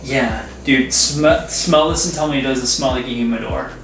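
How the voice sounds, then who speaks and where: A man's voice: medium pitch, moderate pace, a bit bright. Young guy doing a casual review, emphatic slangy bro talk, echoey room, faint music. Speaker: whiskey reviewer, co-host. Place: small room with home bar, indoors. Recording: roomy echo, slightly distant mic.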